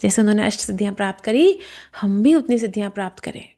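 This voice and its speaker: A woman teaching a guided meditation, explaining chakras in a calm, slow way and softly chanting devotional verses, sometimes in a whisper. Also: mid-range voice. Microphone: camera and mic in front of her.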